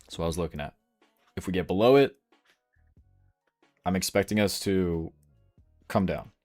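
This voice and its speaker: Low-voiced man explaining trading charts. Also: normal speed, a little mellow, faint music behind. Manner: casual, explanatory, repeats points, reads chat questions. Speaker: day trader streaming live. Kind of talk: live trading stream, explaining charts and answering chat.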